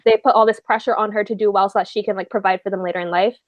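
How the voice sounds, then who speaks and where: Woman in her twenties, giggly chatty manner, mid pitch, dry close sound. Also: steady tone, very fast, dry recording. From Barbados. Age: 20s. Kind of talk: casual book club livestream chat.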